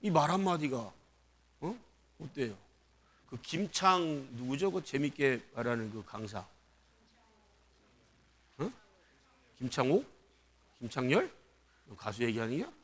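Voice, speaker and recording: A man's voice: medium pitch, fairly bright tone. A male pastor preaching a sermon in a church, questioning the congregation and calling for responses. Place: church sanctuary.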